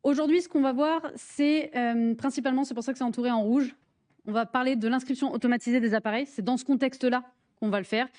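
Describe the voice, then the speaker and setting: Her voice is high-pitched and darkish, fast and fairly even in intonation, with a French accent. She leads a live practical workshop in a conference room, joking amiably and often restarting or filling pauses.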